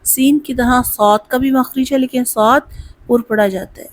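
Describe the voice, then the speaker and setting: A woman teaching a Quran pronunciation lesson, explaining where each sound is made and then chanting the syllables slowly and deliberately. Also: high-pitched, fairly even intonation, no echo, poor audio. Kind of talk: Tajweed lesson, slow drill recitation.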